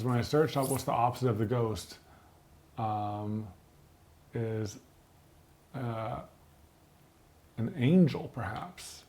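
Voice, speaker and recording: A man co-hosting a casual livestream chat, rambling with fillers and often clearing his throat. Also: medium pitch, dark tone, slight background noise. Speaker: co-host.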